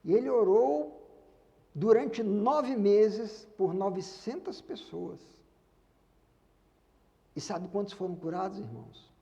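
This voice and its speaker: Brazilian pastor man preaching, gravelly voice, long echo in the church hall. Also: high-pitched, slow, pauses often, warm tone, lo-fi sound. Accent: Brazilian Portuguese. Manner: earnest storytelling, exhorting the congregation. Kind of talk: sermon.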